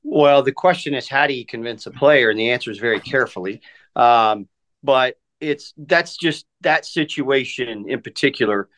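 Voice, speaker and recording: A man in his forties with a mid-pitched voice speaks as a guest on a talk show. He answers in a casual, conversational interview style. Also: moderate pace, fairly bright tone. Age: 40s. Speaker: guest, professional golf caddy.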